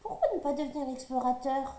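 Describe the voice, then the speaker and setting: A woman voicing a sensible raccoon who calmly gives advice, in a storybook reading. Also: high voice, brisk, lightly acted. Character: sensible calm raccoon friend. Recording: roomy echo.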